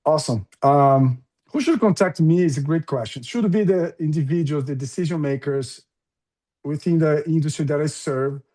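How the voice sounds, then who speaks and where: His mellow, slightly high voice keeps a moderate pace as he chats eagerly in an interview, sprinkling in fillers. He's a middle-aged man from Brazil who founded a recruiting business, speaks Portuguese natively and has a Brazilian accent.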